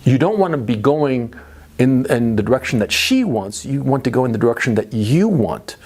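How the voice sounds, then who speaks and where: This middle-aged native Spanish speaker has a mid-range, darkish, slightly rough voice with big pitch swings at a normal speed. He delivers a dating-advice monologue full of rhetorical questions, repeating points for emphasis and constantly checking in with "right?" and "okay?"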